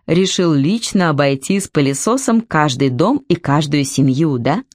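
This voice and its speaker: A woman's voice: low-pitched, expressive, moderate pace, a little mellow, dry recording. Sarcastic, mocking young woman read by a woman narrator, dry close recording. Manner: mocking, ironic.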